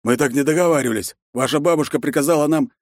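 A man reading an audiobook, voicing a hulking male bodyguard who protests gruffly and loudly. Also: a little high, quick pace, no echo, studio quality, voice pushed up, lightly acted. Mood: angry. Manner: gruff, loud.

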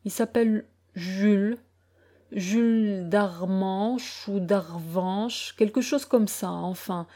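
A woman's voice: medium pitch, slow, mellow. A woman voicing a self-important ship's captain who answers in a dry, clipped way. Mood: curt.

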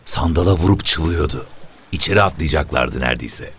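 A wistful deckhand who rambles on about the sea, as a narrator reads him. The voice stays close to the reader's own very deep, low tone. A faint hiss runs under the audiobook recording. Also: male voice, moderate pace, fairly bright tone. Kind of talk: audiobook character voice.

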